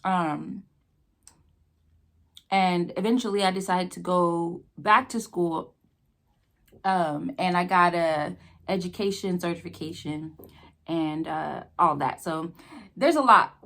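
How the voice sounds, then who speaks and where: An American woman telling a casual, rambling personal story with halting pauses, talking between bites with her mouth sometimes full. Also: on the low side, a bit bright. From New Mexico, United States. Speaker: vlogger telling a personal story while eating.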